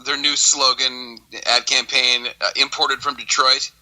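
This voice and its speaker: A man in his thirties co-hosting a casual podcast, telling animated stories and acting out what people said. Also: medium pitch, unhurried, low-quality recording. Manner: animated storyteller, acts out quotes. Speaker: podcast co-host. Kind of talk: casual chat.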